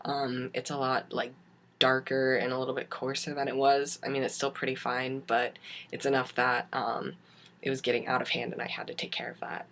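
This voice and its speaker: A young adult man with a raspy smoker's voice, chatting casually and haltingly in a video diary. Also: mid-range voice, flat delivery, bright, forceful tone. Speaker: vlogger giving a transition update.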